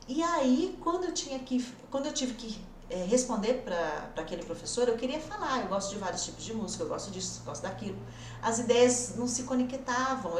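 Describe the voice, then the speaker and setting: A woman's voice: fairly high pitch, reverberant, far from the mic, slight background noise. A woman with a Brazilian Portuguese accent, teaching in a casual online lesson and talking straight to the viewer in an encouraging way. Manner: encouraging, talks straight to the viewer, acts out students' doubts. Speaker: English teacher. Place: room where she must keep her voice down.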